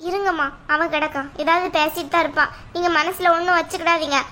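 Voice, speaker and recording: A woman's voice: extremely high pitch, steady tone, quick pace. A woman doing a soothing cartoon mother-in-law. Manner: soft, apologetic, soothing. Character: gentle soothing middle-aged mother of the groom. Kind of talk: cartoon voice acting.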